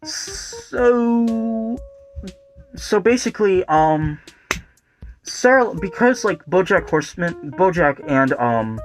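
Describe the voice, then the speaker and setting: Speaking slowly in a high-sitting voice with lively intonation, this young video essay host wanders casually from thought to thought. His commentary is full of filler words and profanity, set over soft guitar music.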